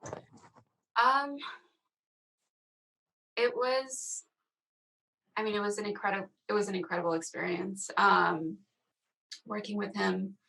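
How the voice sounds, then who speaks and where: A woman actor speaking thoughtfully on a video-call panel, pausing and searching for her words. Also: medium pitch, steady tone, creaky, sharp tone, low-quality recording. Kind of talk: reflective casual panel talk.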